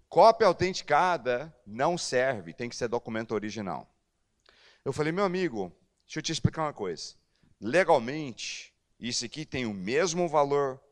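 A man preaching as pastor, telling a personal story and acting out the dialogue. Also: a little high. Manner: animated, acts out dialogue. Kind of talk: storytelling sermon.

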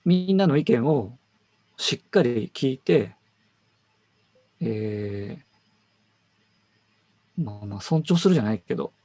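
A man's voice: medium pitch, lively intonation, slow, long pauses, mellow, husky, no echo. A man who works as a designer, talking casually about his work and thinking aloud with fillers and self-corrections.

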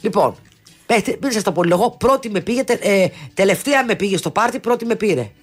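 A woman's voice: medium pitch, lively intonation, breathy edge, soft background music. A woman in her fifties co-hosting a show, telling long stories in casual chat with many restarts and asides. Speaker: radio show co-host.

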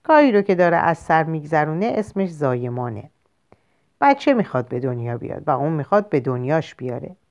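A woman voicing a calm country doctor. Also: low voice. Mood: explaining. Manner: patient, explaining matter-of-factly. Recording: lo-fi muffled recording.

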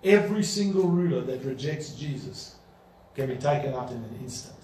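A man's voice: mid-range voice, animated, normal speed, darkish tone, slight background noise. A man preaching a sermon as pastor, driving his points home with emphatic rhetorical questions. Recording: echoey room, voice from a distance.

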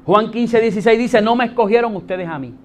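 A middle-aged man preaching a sermon as pastor, emphatic, swinging between soft and loud and repeating key phrases. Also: high voice, a little fast.

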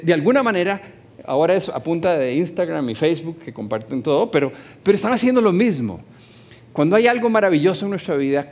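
A pastor preaching in a fairly high voice. He talks with his congregation more than at them and keeps asking them questions. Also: a little mellow. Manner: conversational, asks the congregation questions. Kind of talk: sermon. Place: church hall, also streamed.

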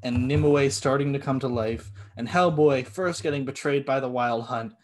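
A man co-hosts a casual podcast in which he reviews a film, coming across as blunt, sarcastic, and often profane. His voice is medium in pitch and he talks at a moderate pace.

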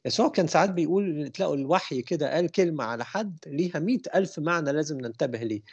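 Fast-talking gravelly Egyptian preacher man. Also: on the high side, expressive, darkish tone, lo-fi sound. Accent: Egyptian Arabic. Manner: conversational, asks the listeners rhetorical questions. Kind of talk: colloquial sermon.

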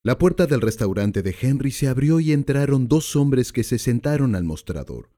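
A man narrating an audiobook in a measured storytelling way. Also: mid-range voice, expressive, warm tone.

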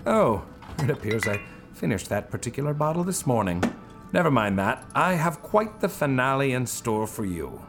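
A man voicing a theatrical, eccentric male host character who talks in a grandiose, drawn-out way over a music bed. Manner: grandiose, drawn-out, sweeping pitch.

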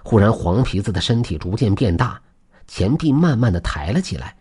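A man tells a folk tale aloud, animated and expressive. His voice sits low and husky, with lively swings in pitch. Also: moderate pace. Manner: animated storyteller narration.

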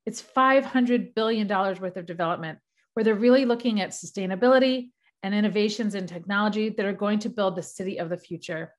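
A woman hosting an interview podcast, welcoming her guest warmly and effusively and asking questions. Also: medium pitch, fairly quick. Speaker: podcast host. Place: New York.

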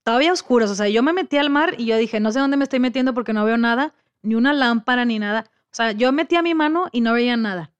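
Mexican woman telling a lively story. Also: a little high, fast, clean tone, muffled recording. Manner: lively storyteller who acts out quoted voices. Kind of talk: casual chat.

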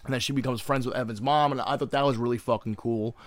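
A man's voice: mid-range voice, steady tone, fast talker, no echo. A young American man co-hosting a casual podcast, chatting like a frat bro with slangy talk and heavy swearing. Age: young adult. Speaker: podcast co-host. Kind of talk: casual chat recapping a show.

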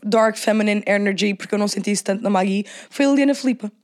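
A woman's voice: mid-range voice, very fast, a little mellow. A young woman with a European Portuguese accent chatting casually as a podcast co-host, slangy and switching into English phrases. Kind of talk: casual chat.

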